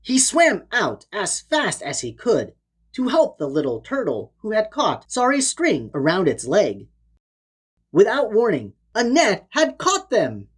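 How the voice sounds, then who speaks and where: This is expressive children's read-aloud narration: a woman reading a storybook in a dramatic, theatrical manner. She has a medium-pitched, slightly rough voice with wildly swooping pitch, and she doesn't hurry.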